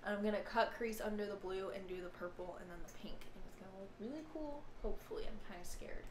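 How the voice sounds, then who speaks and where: A woman's voice: medium pitch, quick pace. Young woman walking thru her makeup, chatty and giggly, roomy echo with some hiss behind. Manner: chatty, giggly, talks through each step. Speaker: makeup vlogger. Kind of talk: casual makeup tutorial chat. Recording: echoey room with clear background noise.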